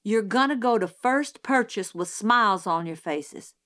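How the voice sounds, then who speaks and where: Woman doing a strict middle-aged housekeeper, firm and scolding, slow storybook reading. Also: mid-range voice, expressive, fairly bright tone.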